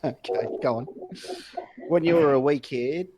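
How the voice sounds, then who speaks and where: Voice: medium pitch, unhurried, highs cut off. A stream co-host chatting casually, easily flustered and laughing often. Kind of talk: casual chat.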